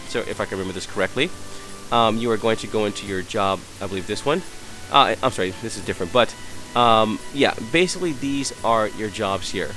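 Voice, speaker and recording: Low-voiced hungover man, hesitant tutorial. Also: fairly bright tone. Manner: hesitant, apologetic, searching as he goes. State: hungover and sick. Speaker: tutorial presenter. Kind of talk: unscripted screen-recorded software tutorial.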